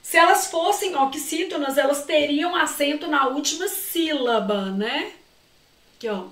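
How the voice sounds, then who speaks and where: A woman's voice: high-pitched, expressive, unhurried, a bit bright, echoey room, far from the mic. A Brazilian woman teaching Portuguese to exam students. She talks straight to the students, asks them questions and answers herself, and stretches out key words as she explains. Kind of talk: exam-prep lesson walking through questions.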